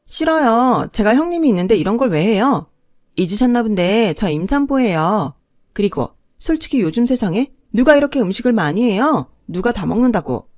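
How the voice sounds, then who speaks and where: A spoiled young pregnant sister-in-law who whines and wheedles in a high, sly voice, voiced by a woman. She sounds put-upon and crafty. The recording is close and dry. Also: big pitch swings, moderate pace, a little mellow, no room sound. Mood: whiny. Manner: whiny, sly, pleading.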